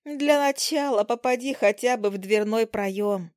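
A woman's voice: on the high side, measured pace, darkish tone, no room sound, studio quality, close to an everyday voice. A woman doing a giggly little female fly. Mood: excitable. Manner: giggly, fussing. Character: chatty little female fly, flirty and excitable.

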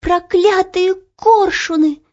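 A woman's voice: high voice, slow, mellow, pitched above the performer's own voice. A woman voicing a brave little girl who talks in a breathless, defiant voice. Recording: dull lo-fi audiobook recording.

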